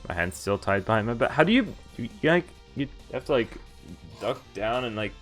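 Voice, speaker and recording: With game music playing, a man streams and reads visual novel lines aloud, breaking in with amused, joking commentary. He has a medium-pitched, animated voice that is a bit bright and a little fast.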